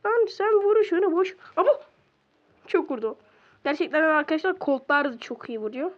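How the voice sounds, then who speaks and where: A high-pitched woman talks through her game in a casual, excitable way, breaking into exclamations and grumbling at the other players. She is recording in a bedroom at home. The sound is slightly dull and lo-fi. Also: normal speed. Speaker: gaming video creator. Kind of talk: casual gameplay commentary.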